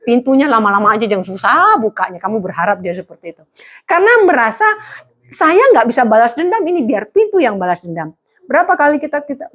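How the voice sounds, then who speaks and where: A woman pastor preaching to students, lively, with jokes and small acted dialogues. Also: medium pitch. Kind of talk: sermon to students.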